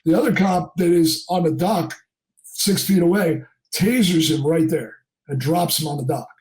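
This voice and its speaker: High-voiced man telling a wild story. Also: moderate pace, a little mellow. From New Jersey. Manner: acts out quoted people in raised voices. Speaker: charter fishing captain, guest. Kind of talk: animated storytelling in a podcast interview.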